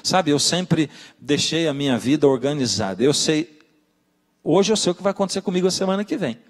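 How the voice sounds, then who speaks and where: Man, pastor, sermon, lively intonation, rather high voice, church hall reverb. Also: brisk. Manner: storytelling, animated, addresses listeners directly.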